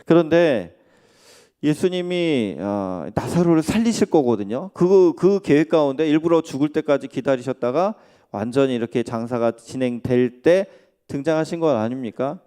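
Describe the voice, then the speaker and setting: A man's voice: on the high side, lively intonation, normal speed, mellow, clean tone. A male pastor preaching in a church, speaking conversationally and putting rhetorical questions to the congregation. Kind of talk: sermon. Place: church sanctuary.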